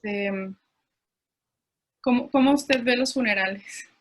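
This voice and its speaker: A woman's voice: fairly high pitch, slow pace. A young woman, a student interviewer, asking questions hesitantly with fillers. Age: young adult.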